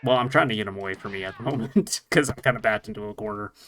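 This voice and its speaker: During casual gameplay chat over a retro fighting game, the co-host makes fun of himself, laughs frequently and lets the occasional swear slip. He talks quickly, his voice lowish but fairly bright.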